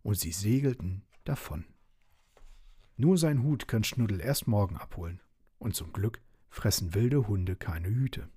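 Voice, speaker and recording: Husky man reading a bedtime story. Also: fairly low pitch, measured pace, no room sound, clean studio sound. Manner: expressive, gently animated.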